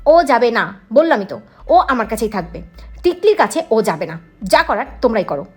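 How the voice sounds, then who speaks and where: A woman's voice: fairly high pitch, very animated, a little fast, breathy edge, faint music behind, pitched below the performer's own voice. A woman voicing a stubborn, protective young husband who firmly stands up to his mother in a retold serial. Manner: firm, defiant, teasing at times.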